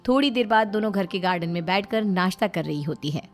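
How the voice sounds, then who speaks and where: A woman narrating a cartoon family story in an even, storytelling manner. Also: mid-range voice, fairly quick, soft background music.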